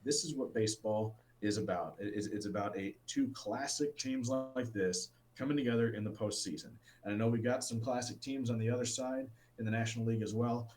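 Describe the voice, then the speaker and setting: A man's voice: mid-range voice, brisk, few pauses, darkish tone. Rambling man chatting sports. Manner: rambling, many fillers and restarts; enthusiastic about baseball. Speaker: podcast co-host. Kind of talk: casual sports chat.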